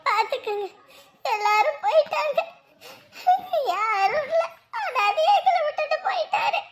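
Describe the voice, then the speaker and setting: A woman's voice: very high voice, normal speed. An actress playing a grieving widow who sobs and wails through her speech. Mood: wailing grief. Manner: sobbing, wailing speech. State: crying. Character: grieving widow, wailing and bitter. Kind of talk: family drama acting.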